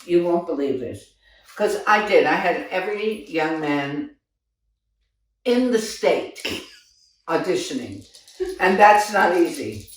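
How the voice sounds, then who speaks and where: Animated older woman, echoey and distant. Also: on the low side, slow pace, pauses often. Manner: animated storyteller, laughs often, exclaims "oh my God". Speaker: theater director recalling past productions. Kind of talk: casual reminiscing chat. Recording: echoey room, voice from off mic.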